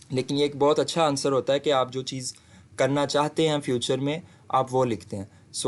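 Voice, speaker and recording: Male teacher, recorded lecture, slow careful example sentences. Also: mid-range voice. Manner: slow, deliberate reading of English example sentences. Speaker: English teacher. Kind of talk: video lecture.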